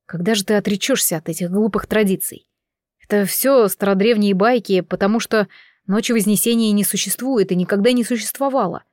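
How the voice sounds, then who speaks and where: A woman reading the part of a calm, dismissive young man who speaks coldly and evenly. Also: medium pitch, a little fast, dry recording, clean studio sound, lightly acted. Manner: cold, level.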